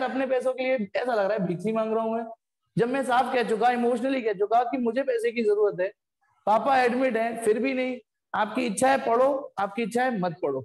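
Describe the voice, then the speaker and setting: A man teaching a physics class online, explaining step by step and breaking off to scold students bluntly. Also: extremely high pitch. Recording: echoey room with long reverb.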